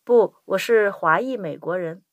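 A woman acts as a courteous young female intern in a language-lesson dialogue. Her pitch sits in the middle for a woman. The sound is dry and close, with a polite, scripted delivery. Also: measured pace, no room sound, highs cut off, close to an everyday voice. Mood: polite, welcoming. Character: polite young Chinese American woman intern greeting a visitor.

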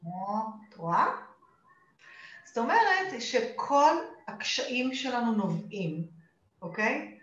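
A woman's voice: on the high side, very animated, fairly bright tone. Israeli-accented woman coaching, echoey dull sound. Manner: emphatic, frequent checking questions. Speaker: coach and course teacher leading a live session. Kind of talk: live coaching talk, questioning and addressing listeners.

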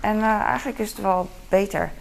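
A woman's voice: medium pitch, fairly quick, vocal fry, slight background noise. A woman chatting casually to camera at home in her kitchen, rambling with many fillers and asides to herself. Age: adult with a son. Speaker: vlogger. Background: dishes and cutlery clatter.

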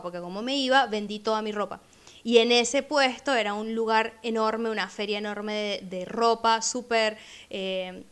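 A woman with a fairly high voice tells a personal story on her podcast in a reflective, conversational tone. She slips into the voices of the people in her memories, acting out what they said. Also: fairly bright tone. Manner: conversational, acts out remembered speech. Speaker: podcast host.

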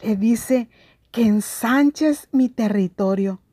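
A woman's voice: a little high, slow, dark tone, no room sound, studio quality. A woman giving an earnest devotional sermon, reading scripture with emphasis. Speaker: preacher.

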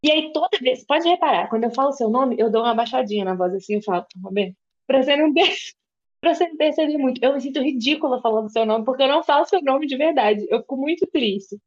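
A woman's voice: sits high, lively intonation, quick pace, highs cut off. Chatty woman with a Minas Gerais accent. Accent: Minas Gerais Portuguese. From interior of Minas Gerais, Brazil. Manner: chatty, rambling storyteller. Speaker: podcast co-host. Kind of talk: casual chat.

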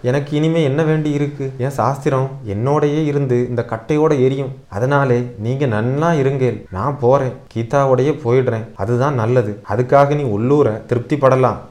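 A man's voice: mid-range voice, fairly even intonation, normal speed, few pauses, darkish tone, pitched above the performer's own voice, lightly acted. A man voicing a grieving elderly grandmother, fierce yet tender, in a raised, pleading and scolding voice for a dramatic story reading. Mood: tearful pleading.

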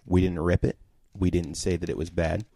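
A man's voice: deep voice, flat delivery, fairly quick, warm tone, no echo. A man co-hosting a casual podcast, reading a listener's email aloud with dry asides. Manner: reads with dry asides and laughs. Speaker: podcast co-host.

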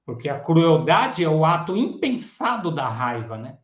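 A man, a psychoanalysis teacher giving a casual teaching talk, animated and acting out the voices of clients and therapists. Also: a little high, unhurried. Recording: echoey room, dull lo-fi sound.

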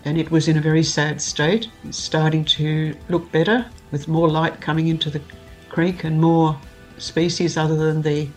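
An Australian woman giving measured, explanatory answers as a volunteer guest in a conversational interview. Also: low voice, steady tone, faint music behind.

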